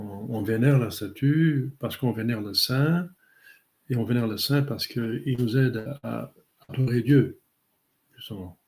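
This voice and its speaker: A man, a priest giving a catechism talk and answering questions in a halting way with many fillers. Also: medium pitch, a little mellow.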